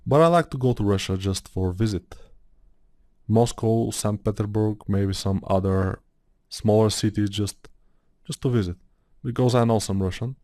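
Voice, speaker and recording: A man's voice: on the low side, moderate pace, mellow, no echo, studio quality. A man with an Eastern European accent, chatting in a meandering way while he works through a modeling tutorial, thinking aloud with many fillers. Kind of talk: casual rambling tutorial talk.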